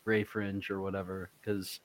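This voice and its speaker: A man's voice: deep voice, flat delivery, moderate pace, crowd noise. A man playing a tabletop game, joking and playful. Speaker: player. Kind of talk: casual tabletop game play.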